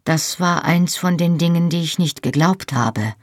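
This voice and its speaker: A woman reading an audiobook, voicing a young, inexperienced man who is earnest and tender, with a soft, hushed whisper. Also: lowish voice, measured pace, no room sound, clean studio sound.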